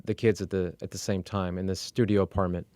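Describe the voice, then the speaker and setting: Fields: man, middle-aged, low clear voice, slow measured. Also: no room sound. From Iran. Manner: measured, steady, with frequent fillers and restarts. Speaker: interview guest; executive coach. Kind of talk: candid personal storytelling.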